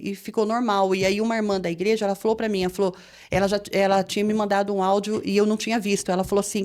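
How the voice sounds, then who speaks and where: A female pastor with a Brazilian Portuguese accent and a medium-pitched voice shares a personal testimony with earnest emotion. Her voice climbs as she relives the tense moments.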